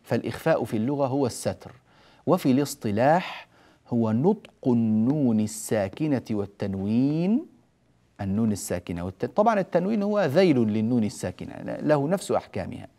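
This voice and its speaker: A middle-aged man gives a recorded lesson on Quran recitation in a mellow, relaxed voice. He teaches patiently, poses questions and answers them himself, and slows right down to draw out each quoted word. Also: medium pitch. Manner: explains patiently, asks and answers his own questions, draws out quoted words slowly.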